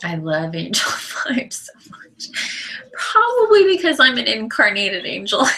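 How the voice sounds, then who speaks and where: Woman doing a live tarot reading, slow and bright, gets emotional, whispers a lot. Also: on the high side, huge pitch swings, low-quality recording. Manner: earnest, emotional, breaks into soft laughs; often drops to a whisper. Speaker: tarot reader.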